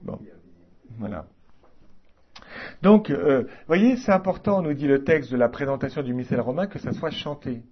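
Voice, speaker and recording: A man teaching a class on liturgy in an informal, halting way, with many fillers and restarts. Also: on the high side, expressive, slightly rough, dull audio.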